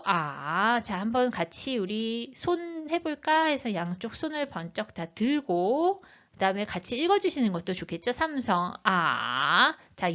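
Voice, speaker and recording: A woman teacher giving a lively training talk, acting out sounds as she would for young children. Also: on the high side, lo-fi sound.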